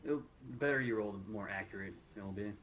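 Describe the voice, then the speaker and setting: A man's voice: on the low side, fast, a bit bright, slight background noise. A man working as game master, narrating and refereeing a tabletop game in casual conversational language.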